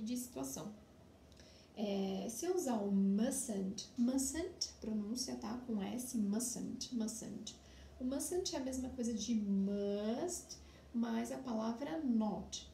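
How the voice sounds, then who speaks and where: A woman with a Brazilian Portuguese accent teaching English to young pupils, repeating and explaining each phrase slowly. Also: on the high side, warm tone, slight background noise. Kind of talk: recorded lesson for primary pupils. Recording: echoey room, distant mic.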